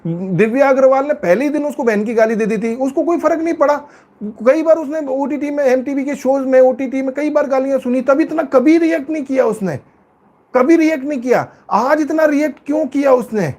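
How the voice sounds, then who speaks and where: A man's voice: extremely high pitch, a little mellow. A man giving a casual, emphatic spoken review of a reality show, repeating his points. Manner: emphatic, repetitive, acts out quoted lines.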